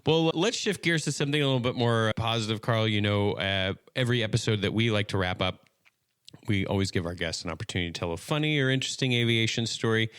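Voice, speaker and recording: A man's voice: on the low side, fast, fairly bright tone, smooth, dry recording, studio quality. A man co-hosting a podcast, making joking, playful asides to his guest. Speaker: podcast co-host. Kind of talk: casual podcast chat.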